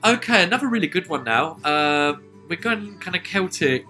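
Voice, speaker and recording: A man's voice: sits high, animated, moderate pace, bright, forceful tone, faint music behind. Chatty southern English man reviewing songs. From southern England. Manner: chatty, rambling, frequent "uh" fillers and chuckles. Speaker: music podcast host. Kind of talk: casual music review commentary.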